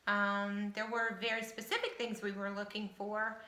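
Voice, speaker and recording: This American woman, fifty and from Southern Ohio, has a mid-range, sharp voice with a level tone and moderate pace. Applying to a house-hunting show, she introduces herself informally on camera as if auditioning, recorded in a room with noticeable echo.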